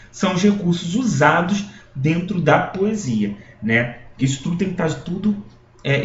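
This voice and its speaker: A man's voice: on the high side, a little hiss or hum. Man teaching a poetry lesson, echoey. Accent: Brazilian Portuguese. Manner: explanatory, with frequent checking tags and restarts. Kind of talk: recorded classroom lecture. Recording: echoey room, dull lo-fi sound.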